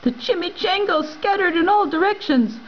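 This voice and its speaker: A woman reading a picture book aloud in an expressive, playful way, slipping in Spanish words. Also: very high voice, normal speed, muffled recording, a little hiss or hum. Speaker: reader. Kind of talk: storybook read-aloud.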